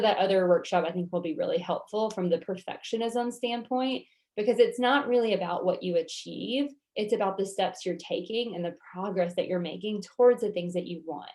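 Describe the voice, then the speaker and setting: A woman's voice: fairly low pitch, a little mellow. A woman with a Southern US accent coaching a workshop, answering questions in a casual, reassuring, conversational way. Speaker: goal-setting workshop coach.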